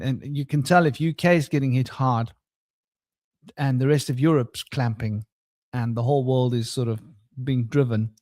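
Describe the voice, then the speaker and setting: A man's voice: mid-range voice, a little mellow, no room sound, studio quality. A man co-hosting a casual podcast, rambling and joking with frequent laughs and restarts. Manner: rambling, jokey, laughs often, many restarts. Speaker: podcast co-host. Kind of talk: casual conversational podcast chat.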